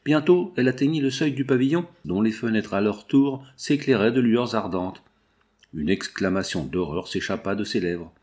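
A man reading a nineteenth-century novel aloud in measured, dramatic narration. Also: fairly low pitch, lively intonation, a little mellow. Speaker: audiobook reader. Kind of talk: scripted narration.

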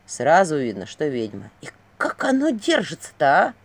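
A rough, bearded guard with a coarse, gruff voice pushed low, as a woman reader puts him on. He barks orders and grumbles with suspicion, a heavy-handed henchman from a folk tale. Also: wildly swooping pitch, normal speed, exaggerated voice. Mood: suspicious.

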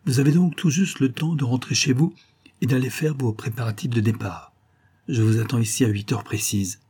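A man reading an audiobook, voicing a smooth-talking older viscount with falsely affectionate manners. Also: mid-range voice, fairly even intonation, moderate pace, mellow. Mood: honeyed.

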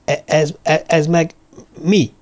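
Guy doing a rattled archaeologist, grumbly, stammers a bit, middle pitch. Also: lightly acted. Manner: grumbling, hesitant. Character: startled male archaeologist, grumbling, unsettled.

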